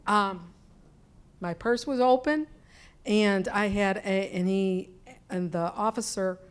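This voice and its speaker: An older woman from the audience recounts a run-in at a public meeting, flustered and rambling. She keeps stopping and restarting her sentences. Her voice sits at a middle pitch. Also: takes it slowly, smooth. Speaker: audience member. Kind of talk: telling a personal story at a public meeting.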